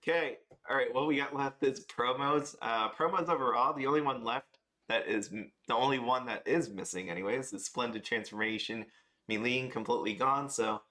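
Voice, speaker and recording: A tired man chats his way through a card price review, rambling and restarting as he goes. His voice sits at an ordinary middle pitch, and the talk is casual rather than scripted. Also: moderate pace, bright, forceful tone. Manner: loose and rambling, many fillers and restarts. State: tired after an early start. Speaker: card game video host.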